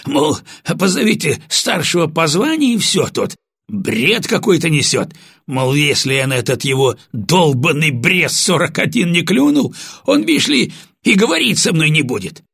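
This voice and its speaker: Guy doing a mean army sergeant, yelling and cursing, husky. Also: mid-range voice, unhurried, hardly any pauses. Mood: whining. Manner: coarse, threatening, cursing. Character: brutal shouting male army sergeant.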